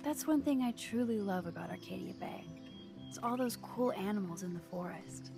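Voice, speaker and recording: A woman's voice: medium pitch, lively intonation, normal speed, creaky, over music. An actress playing an earnest, quirky teenage girl, a student photographer in a video game. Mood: friendly, thoughtful.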